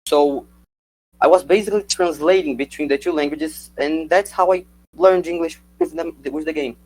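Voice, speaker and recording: This student presenter, a young man who learned Portuguese first, reads out his prepared slides at normal speed and requests each next one. His slightly high voice is a little mellow, and the rough recording carries a bit of hiss or hum.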